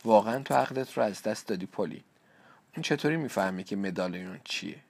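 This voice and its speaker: A man's voice: lowish voice, animated, creaky. A man reading as a scolding, impatient mother. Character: angry scolding mother of a young girl. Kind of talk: reading a storybook aloud to a child.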